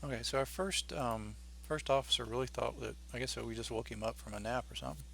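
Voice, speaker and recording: A man's voice: medium pitch, fast, vocal fry, pushed and bright. Man casually narrating a flight sim, faint hum. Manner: informal, thinking aloud while flying. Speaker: flight simulator streamer acting as pilot. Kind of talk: casual running commentary on a simulated flight.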